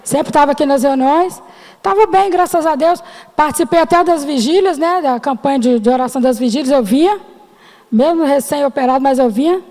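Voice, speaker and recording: A middle-aged woman stands before her congregation sharing an emotional personal testimony, often pausing to address them as brothers and sisters. Her voice sits high. The sound carries a long reverb from the church hall. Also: a little mellow. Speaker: church member giving testimony.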